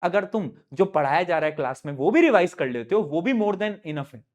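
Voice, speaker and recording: A young adult Indian man, a teacher giving study advice to students in an energetic way. He poses questions as if the students asked them, then answers them himself. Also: fairly high pitch, normal speed. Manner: animated, asks and answers his own questions.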